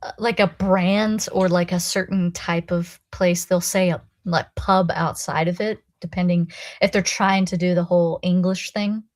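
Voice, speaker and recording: An American woman in her thirties hosting a casual podcast, telling animated stories, swearing and laughing a lot. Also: lowish voice, unhurried. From United States. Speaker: podcast host. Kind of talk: casual chat.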